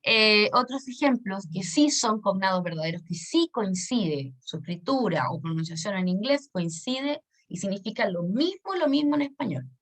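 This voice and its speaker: A woman, an English teacher giving a recorded lesson. She repeats words slowly and keeps checking that her students are following. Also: medium pitch, animated. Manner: patient, checks understanding with frequent tag questions.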